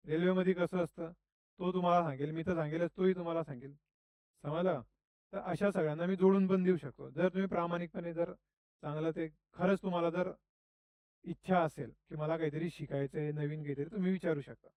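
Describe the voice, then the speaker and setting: A man's voice: on the high side, no echo, dull audio. A middle-aged man teaching a class in a classroom, chatty and constantly asking students questions. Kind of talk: classroom lecture.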